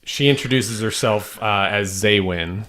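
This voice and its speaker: Laid-back low-voiced man game master. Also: a little slow, a bit bright. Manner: laid-back, chuckling narration. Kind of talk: narrating a tabletop game.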